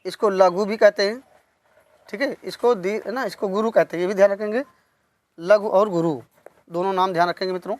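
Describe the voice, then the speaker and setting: A woman teaching a lesson on poetics, slowly repeating key terms and asking questions that she then answers herself. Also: medium pitch, fairly even intonation, a little mellow, no echo. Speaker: Hindi literature teacher. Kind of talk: online exam-prep lesson.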